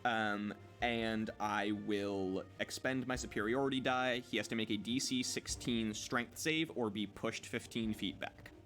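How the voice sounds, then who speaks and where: A man's voice: on the low side, steady tone, unhurried, hardly any pauses, a bit bright, faint music behind. A man playing a character in a tabletop game, talking casually and hesitantly with fillers and restarts. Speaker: player.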